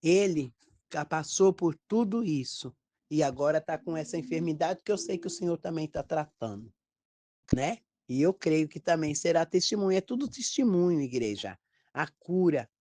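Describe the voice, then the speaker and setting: A woman pastor with a Brazilian accent, telling a testimony in a sermon, with lively storytelling and acted quotes. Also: low-pitched, moderate pace, no echo. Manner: storytelling, animated quoted dialogue.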